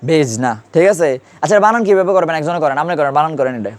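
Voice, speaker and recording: A man's voice: on the high side, animated, fast. A man teaching a classroom grammar lesson, quizzing students and repeating key terms.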